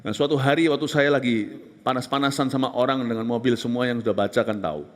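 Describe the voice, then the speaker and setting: A man preaching a passionate sermon, moving between raised exclamations and hushed, whispered moments. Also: medium pitch, fairly even intonation, fast talker. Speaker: pastor.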